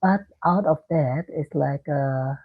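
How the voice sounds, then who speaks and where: A woman's voice: low-pitched, slow, husky. A woman from Indonesia, a guest in an interview, answering hesitantly and searching for words over a video call. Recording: phone-like video call line.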